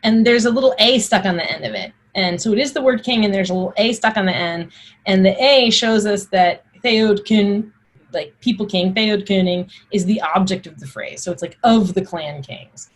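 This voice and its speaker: A husky-voiced woman teaching Old English pronunciation, reciting the old words and explaining them informally one by one. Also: medium pitch, normal speed.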